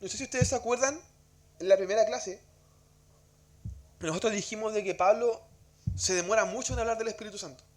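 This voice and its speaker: Man, high voice, church Bible class teaching, conversational, rhetorical questions. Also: fairly quick, long pauses.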